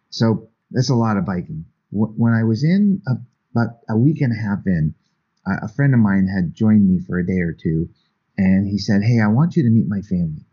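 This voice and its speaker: A man's voice: sits low, husky. A man telling earnest stories as an author guest in an interview, with frequent restarts. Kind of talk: storytelling in an interview. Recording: dull lo-fi sound.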